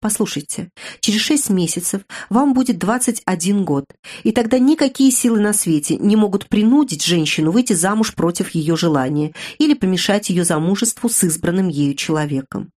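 A woman voicing a ruined young man in an audiobook, speaking in a measured, grave and resigned way. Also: medium pitch, expressive, darkish tone, natural voice. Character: young man, earnest, bitter, ruined suitor.

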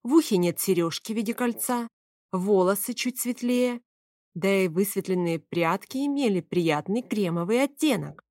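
A woman narrating an audiobook in the first person, telling the story in a lively, expressive way. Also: medium pitch, normal speed, no room sound, studio quality.

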